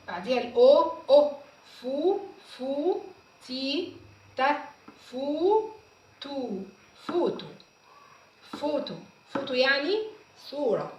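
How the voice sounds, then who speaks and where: A woman with an Egyptian Arabic accent teaching a phonics lesson, sounding out letters slowly and repeating each word. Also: medium pitch, a little hiss or hum. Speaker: English teacher. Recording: echoey room, mic far off.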